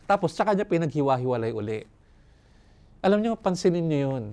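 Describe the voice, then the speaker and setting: Older male priest from Manila; relaxed storyteller's sermon, chatty, chuckling asides. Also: fairly high pitch, brisk, smooth. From Manila, Philippines. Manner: conversational, chuckles and asks "no?" often. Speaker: priest giving a retreat talk. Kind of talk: reflective sermon with personal stories.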